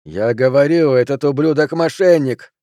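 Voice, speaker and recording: A man voicing a hot-tempered loud poker loser in an audiobook, shouting coarse accusations. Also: medium pitch, moderate pace, no room sound, studio quality, lightly acted. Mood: furious. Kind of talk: audiobook character reading.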